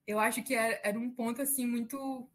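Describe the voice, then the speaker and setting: A woman's voice: fairly high pitch, steady tone, brisk. A woman teacher speaking in an online seminar, reflective and hesitant, saying she is uneasy. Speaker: teacher, panelist. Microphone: video call.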